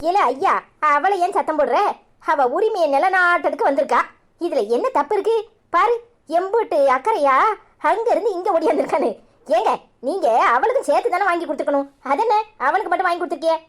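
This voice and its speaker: A woman's voice: very high-pitched, expressive, fairly quick. A woman voicing a fond, teasing old village grandmother with a Kanyakumari Tamil accent in a cartoon. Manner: teasing, scolding-affectionate.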